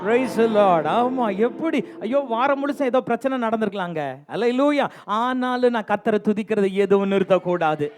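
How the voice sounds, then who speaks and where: High-voiced exhorting preacher. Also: male voice, moderate pace, hardly any pauses. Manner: exhorting, teasing the congregation, repeating refrains. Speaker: pastor. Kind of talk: lively bilingual sermon with call-and-response. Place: church sanctuary.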